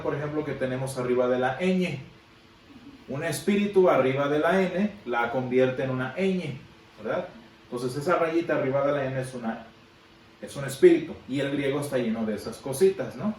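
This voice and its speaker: Heard from a distance in an echoey room, a man leads a Sunday school Bible class, patiently explaining and putting questions to his listeners. His voice is medium-pitched with a somewhat dark tone, and there's a bit of background noise.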